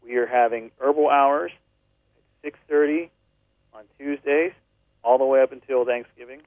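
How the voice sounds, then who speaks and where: A man's voice: mid-range voice, fairly even intonation, normal speed, dry recording. Guy reading out specials and a phone number on radio, dry tinny sound. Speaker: radio show co-host. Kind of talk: announcing events and specials.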